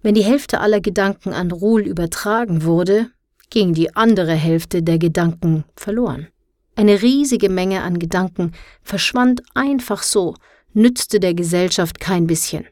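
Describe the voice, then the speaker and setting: A woman narrating an audiobook in a steady, clear reading voice. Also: fairly low pitch, measured pace, no echo, clean studio sound.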